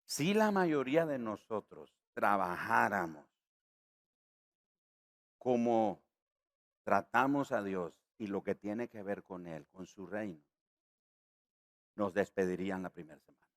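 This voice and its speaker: A man from Nicaragua, a pastor preaching a sermon, rising in pitch and volume on key words and acting out the voices in his stories. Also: expressive, slow pace, pauses often.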